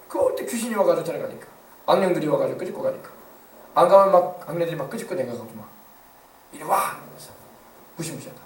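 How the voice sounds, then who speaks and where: A man pastor preaching a sermon, emphatic, swinging between hushed passages and loud exclamations. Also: high voice. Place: church sanctuary. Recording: echoey church sound from a distance.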